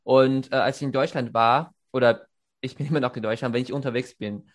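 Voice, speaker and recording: Speaking German as a conversation partner, a native Chinese-speaking man uses a medium-pitched, steady voice and a brisk pace. The chat is casual, though he hesitates, restarts frequently, and relies on many fillers.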